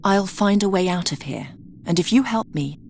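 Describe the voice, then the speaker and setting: A woman's voice: medium pitch, expressive, moderate pace, creaky, a little mellow, slight background noise. An actress playing a stern, determined young woman adventurer in a fantasy video game, terse and commanding. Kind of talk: video game character acting. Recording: game ambience behind the voice.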